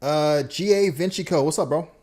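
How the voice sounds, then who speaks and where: A man's voice: on the high side, normal speed, darkish tone. A man casually reacting to a video on a live stream, talking in a loose, rambling way with lots of fillers.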